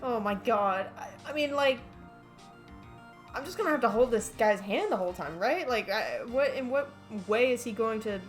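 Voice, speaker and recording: A woman's voice: on the high side, animated, normal speed, soft background music. A woman streaming a game with casual commentary, hesitantly thinking aloud as she goes.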